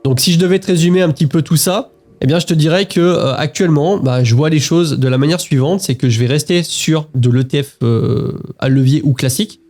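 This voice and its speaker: A man's voice: fairly high pitch, fairly quick, few pauses, a little mellow, soft background music. A man talking casually and directly to the viewer about his investing, walking through charts with frequent hesitations. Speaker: investing vlogger. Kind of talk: casual talk to camera while screen-sharing charts.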